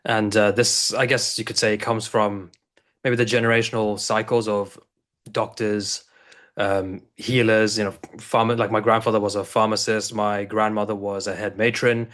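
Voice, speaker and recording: Low-voiced man telling his story. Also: little pitch movement, normal speed, a bit bright. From South Africa. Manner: loose and rambling, many restarts. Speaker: guest, integration coach. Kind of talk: casual interview talk.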